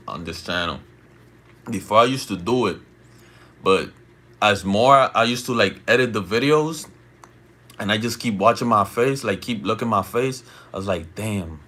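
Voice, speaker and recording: His voice is low and a bit bright, with a little hiss or hum in the audio. He's a US-born man of Dominican family on a late-night live stream, casually reading his chat in slang and repeatedly asking "you feel me?".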